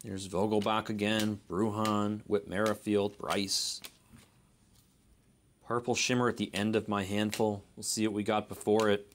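A live card break host chats easily as he goes, hesitating over how to pronounce names. He speaks unhurriedly in a lowish voice with little pitch movement, and a faint hiss or hum sits under the recording.

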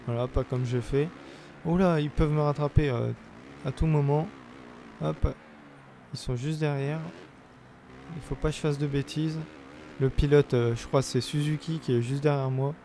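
Young male gamer, gravelly and mellow, sore throat, chatty let's-play commentary, faint hiss behind. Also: mid-range voice. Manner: chatty, hesitant, bursts of playful cheering. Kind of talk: casual game commentary.

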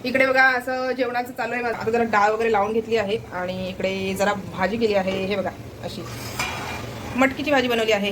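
A woman chatting to viewers in a casual home vlog, showing what she cooks. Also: on the high side. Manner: chatty, addresses viewers as friends, shows food. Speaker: vlogger. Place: home kitchen. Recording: home video with noise.

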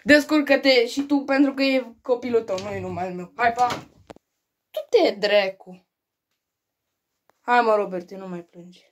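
Comedy sketch performer, woman with a high voice, snappy bickering delivery. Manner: quick, bickering, swears often. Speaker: sketch comedian playing several family roles.

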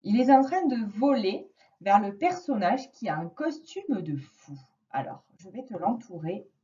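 Woman, phonics teacher, unhurried, patient, stresses each sound, somewhat off-mic, dull sound. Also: mid-range voice, big pitch swings, warm tone, distant mic. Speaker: primary school teacher. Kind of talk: reading lesson for a young child.

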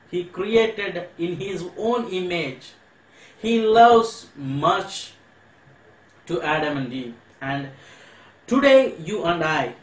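A man with an Indian English accent preaching a sermon, earnestly repeating phrases and slowing down to stress key words. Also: high voice, echoey room, low-quality recording. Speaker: pastor. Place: church hall.

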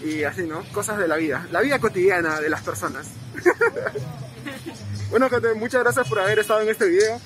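A man's voice: high voice, fairly quick, poor audio. A young man with a Peruvian Spanish accent, chatting casually to his viewers through a face mask as a food vlogger, recorded on a phone in a restaurant and laughing often. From Peru. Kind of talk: casual vlog talk to viewers. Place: small restaurant. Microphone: phone camera. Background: loud music.

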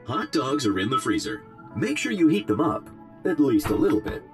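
A man's voice: mid-range voice, very animated, normal speed. Guy doing a perky game robot boss, robotic voice, bouncy sing-song delivery, bit of music underneath. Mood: chipper. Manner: cheerful, instructive, calls player "human". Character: upbeat male robot job instructor. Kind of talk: video game voice acting.

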